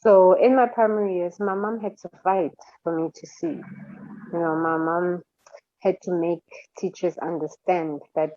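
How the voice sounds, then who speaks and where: A woman's voice: on the low side, fairly even intonation, measured pace, mellow, dry recording. A woman in her thirties from South Africa, a cheerful interview guest who laughs often. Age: 30s. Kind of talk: interview over a call. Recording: slightly dull sound.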